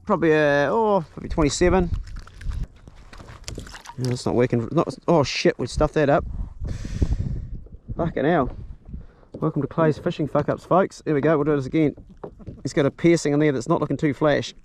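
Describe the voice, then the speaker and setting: A man's voice: a little high, normal speed, pauses often, a little mellow. A man with a broad New Zealand accent chatting casually as a fishing video host, blokey, sweary and matey. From South Island, New Zealand. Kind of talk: casual chat to companion and camera. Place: outdoors on the water while fishing. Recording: clear outdoor boat and water noise.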